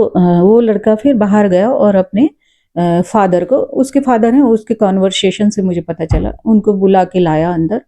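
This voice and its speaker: Dark-voiced woman telling a story. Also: mid-range voice. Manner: earnest, reflective, halting with fillers; says she talks loud and forcefully. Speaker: storyteller vlogger; mother. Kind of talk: casual spoken storytelling.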